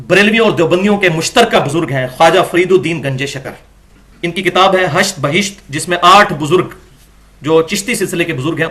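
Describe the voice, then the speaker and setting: A man giving an argumentative religious lecture, reading quotations from books and reciting verses slowly. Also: on the high side, a bit bright. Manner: argumentative, reads quotes aloud and recites scripture slowly. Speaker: religious scholar.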